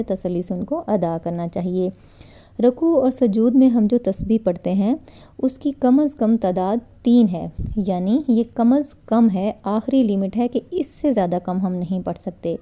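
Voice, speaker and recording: A woman giving an earnest religious lecture on prayer, exhorting her listeners and slowing down to model careful recitation. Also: medium pitch, warm tone. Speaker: Islamic preacher. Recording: dull lo-fi recording.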